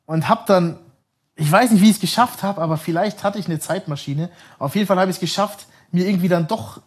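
Man, thirties, slightly high voice, chatty guest who rambles and laughs through his stories. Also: slightly rough. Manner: rambling, laughs often, self-corrects. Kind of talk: casual storytelling.

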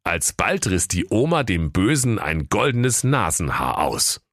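Deep-voiced man narrating a comic fairy tale. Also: sing-song, measured pace, a bit bright, dry recording, clean studio sound. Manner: playful, theatrical.

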